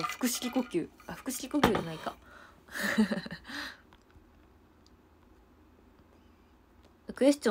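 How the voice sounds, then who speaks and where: A woman's voice: medium pitch, breathy edge. A young woman with a chatting casually to fans on a livestream, giggling often.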